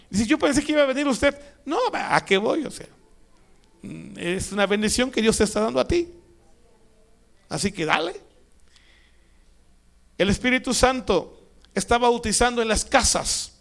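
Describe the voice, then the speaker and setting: A man preaching a sermon as pastor, with emphatic rising peaks and quiet asides. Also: high-pitched, lively intonation, measured pace, creaky, long pauses.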